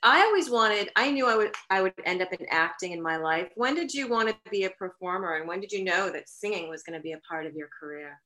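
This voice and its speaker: A woman's voice: mid-range voice, lively intonation, fast talker, hardly any pauses, pushed and bright, poor audio. A woman co-hosting a radio interview show in a conversational style. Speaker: radio co-host.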